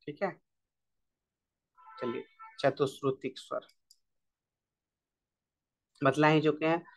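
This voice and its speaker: A man's voice: fairly high pitch, steady tone, takes it slowly, creaky. A male music teacher giving an exam-prep lesson, repeating key terms over and over in a drill style.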